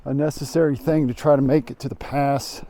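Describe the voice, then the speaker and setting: Mellow-voiced man giving outdoor photo tips. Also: medium pitch, steady tone, fairly quick. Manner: frank, self-critical, instructive. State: out of breath. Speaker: landscape photographer. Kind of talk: casual hiking vlog with photography tips. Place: outdoors on a mountain trail.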